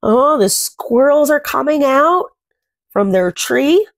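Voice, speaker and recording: A young woman reads a picture book to small children with expressive, sing-song phrasing, pausing to chat about it; she's a read-aloud host working from a small room at home. The voice is high-pitched and creaky, recorded at studio quality without echo.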